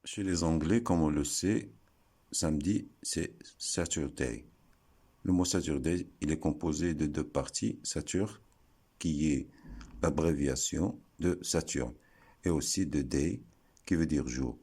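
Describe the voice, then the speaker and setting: A man giving a slow, deliberate lesson, breaking words into syllables and pausing often. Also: a bass voice, warm tone, breathy edge. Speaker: teacher explaining word origins.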